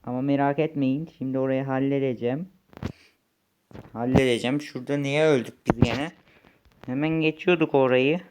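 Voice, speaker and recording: A young man giving casual gameplay commentary, chatty, muttering when frustrated and shouting when excited. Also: medium pitch, normal speed, pauses often, a little hiss or hum. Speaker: gaming YouTuber.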